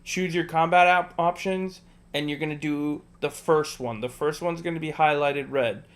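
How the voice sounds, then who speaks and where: This man's voice sits fairly high, with a steady tone and an ordinary pace. He's livestreaming a casual game and coaching a friend through it one step at a time, patiently repeating directions and laughing and joking in between.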